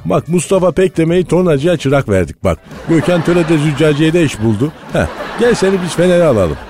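A man's voice: fairly high pitch, very animated, brisk, noisy background. A man playing a blustering older male football club president who bosses people around and curses. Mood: on phone. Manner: bossy, curses, shouts into phone. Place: radio studio.

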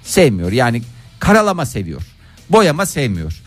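A man's voice: mid-range voice, huge pitch swings, moderate pace, soft background music. Mock-indignant radio host man. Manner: playfully exasperated, mock-indignant. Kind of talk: casual morning radio banter.

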